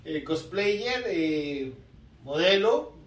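A man's voice: on the high side, animated, drawn-out words, reverberant, distant mic. A man hosting a podcast interview, playful and teasing, sometimes trailing off into mumbles. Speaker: podcast host. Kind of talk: joking casual interview.

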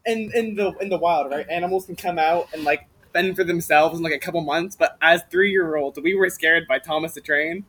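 A man's voice: fairly high pitch, moderate pace, hardly any pauses, fairly bright tone, husky. A seventeen-year-old guy joking around in casual chat with friends. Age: teens. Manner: joking, does silly voices.

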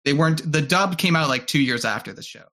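A man in casual chat, recapping a story with halting restarts. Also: fairly high pitch, animated, pushed and bright.

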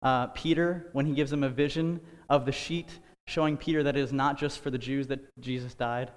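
A man's voice: medium pitch, steady tone, brisk. Earnest man preaching in a reverberant hall. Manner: earnest, conversational, with frequent fillers and asides. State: out of breath. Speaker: podcast host preaching. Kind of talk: casual sermon-style teaching.

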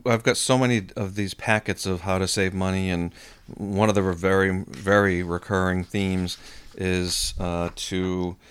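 A middle-aged man co-hosting a radio show, chatting casually about practical advice in a halting, thinking-aloud way. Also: deep voice, flat delivery, smooth, dry recording. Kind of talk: casual money-advice chat.

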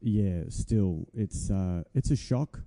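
Very mellow Australian man hosting a podcast. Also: low-pitched, animated, takes it slowly. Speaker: podcast host, musician.

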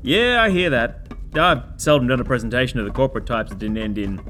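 A man's voice: mid-range voice, brisk, close to an everyday voice. A man playing an amused, joking colleague in a sci-fi audio drama, with music behind the voice. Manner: animated, joking. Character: amused, chatty spacefaring colleague.

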